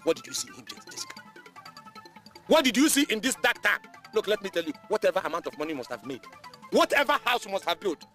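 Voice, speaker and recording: A blustering Nigerian chief, proud and scornful, scolding with theatrical mockery in a high, lively voice. His pitch leaps up and down over faint music on a film soundtrack. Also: fast, full character voice. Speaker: Chief Nwadike, a wealthy father. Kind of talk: Nollywood film acting.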